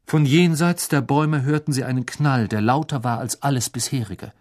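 A man narrating an audiobook in an expressive storytelling manner. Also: mid-range voice, normal speed. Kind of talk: scripted narration.

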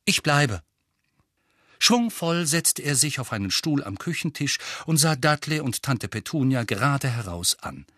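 Male narrator, audiobook reading, bright forceful tone, slightly husky, dry sound. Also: mid-range voice, moderate pace, hardly any pauses, no room sound. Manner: expressive, lively storytelling.

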